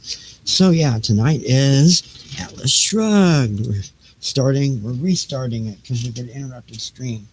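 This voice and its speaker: Speaking at a medium pitch and a measured pace, a middle-aged livestream host rambles off the cuff, half muttering to himself while fiddling with his gear. The casual, unscripted chatter comes from a noisy homemade setup.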